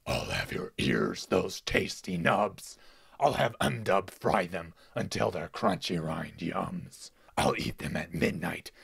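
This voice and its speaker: A man voicing a greedy, gloating fat pig lord who barks orders in a deep, roaring boar voice. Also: vocal fry, a bit bright, breathy edge, full character voice. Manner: bossy, commanding, gleeful.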